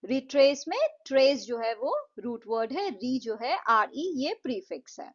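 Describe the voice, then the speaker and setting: A woman teacher with an Indian accent explains an English lesson, her voice sitting a little high. She reads the English sentences slowly and deliberately before explaining them faster. The recording sounds dull and lo-fi. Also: expressive. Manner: slow, deliberate English reading, quicker explanations.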